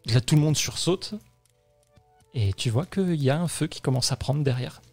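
A man's voice: on the high side, animated, moderate pace, darkish tone, faint music behind. A man narrating a tabletop role-playing game as game master, with many hesitations. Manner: hesitant, full of fillers.

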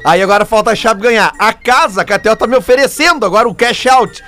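A man with a southern Brazilian gaúcho Portuguese accent, chatting casually as a radio co-host in an animated, informal storytelling way. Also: sits high, fast talker, soft background music.

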